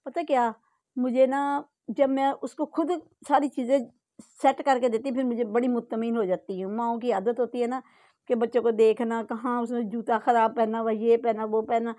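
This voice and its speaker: A woman's voice: a little high, steady tone, normal speed, mellow, no echo. A middle-aged woman from Pakistan with a Punjabi-tinged accent, chatting homely to a phone camera at home. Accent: Punjabi-tinged Urdu. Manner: chatty, homely, full of asides. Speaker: home vlogger. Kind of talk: casual chat to camera. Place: home bedroom, indoors.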